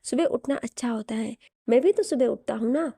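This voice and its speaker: A woman's voice: a little high, a little fast, vocal fry, mellow, slightly rough, dry recording, clean studio sound. A woman voicing a playful, affectionate young husband who teases and coaxes his wife in an audio story. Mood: teasing. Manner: teasing, coaxing.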